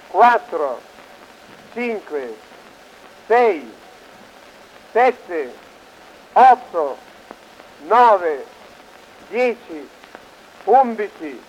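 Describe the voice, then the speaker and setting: A man teaching a language lesson, reading phrases and numbers in slow, deliberate, clearly enunciated drills, on a dull lo-fi old record. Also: high-pitched, a little mellow.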